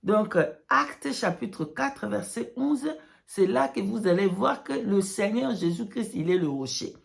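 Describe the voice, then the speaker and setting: A woman's voice: mid-range voice, animated, unhurried, gravelly. A woman giving religious testimony in broken, non-native French, mixing in English words and repeating phrases emphatically. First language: not French. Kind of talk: religious testimony addressed to followers.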